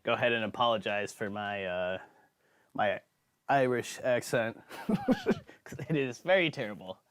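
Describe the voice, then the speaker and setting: A man's voice: medium pitch, huge pitch swings, measured pace, fairly bright tone, dry recording. A man hosting a live-streamed tabletop game show, chatting casually and reading sponsor spots in a loose, rambling way with lots of fillers. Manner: loose, rambling, with many fillers and self-corrections. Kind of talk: casual chat and sponsor reads.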